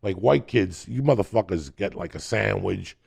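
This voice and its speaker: A man's voice: on the low side, lively intonation, normal speed, creaky, a little mellow, breathy edge. A middle-aged man, telling wild stories in casual, profane podcast chat, often breaking into laughter. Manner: profane, rambling, laughing storyteller.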